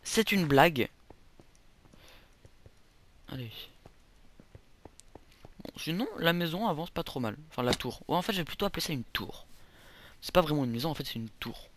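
A man's voice: a little high, expressive, normal speed, long pauses, a bit bright. A young man giving casual, rambling commentary over a video game, joking at his own expense. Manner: rambling, self-mocking, jokey asides. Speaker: gameplay commentator. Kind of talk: casual let's play commentary.

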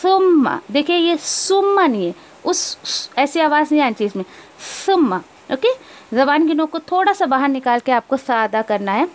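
High-voiced woman teaching Quran recitation. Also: very animated. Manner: explains rules, then recites verses slowly and drawn out; corrects mispronunciations directly, mixing in English words. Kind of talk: tajweed lesson with recitation.

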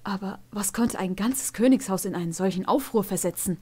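A woman narrating a storybook chapter in a calm, measured way. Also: mid-range voice, breathy edge. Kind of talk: storybook reading.

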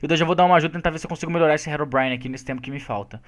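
A man with a high voice rattles off quick, excitable commentary as he plays. He pleads with his partner for help and talks to the viewers in casual gameplay banter. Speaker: gaming channel co-host.

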